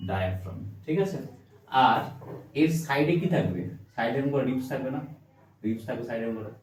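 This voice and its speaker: A man's voice: mid-range voice, animated, a little fast, a little hiss or hum. A man teaching biology at a board, firing questions at the class and answering them himself. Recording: roomy echo, mic at a distance.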